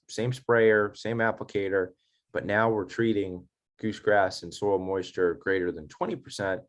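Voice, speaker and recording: Deep-voiced man giving folksy practical advice. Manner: folksy, practical, many "you know" fillers. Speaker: turf science presenter. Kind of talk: technical lecture.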